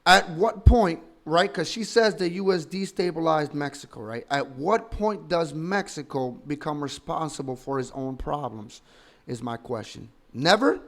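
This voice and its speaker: A man's voice: fairly high pitch, normal speed. A man in his thirties from the Dominican Republic, a political commentator giving opinionated, emphatic and argumentative commentary full of rhetorical questions. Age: 30s.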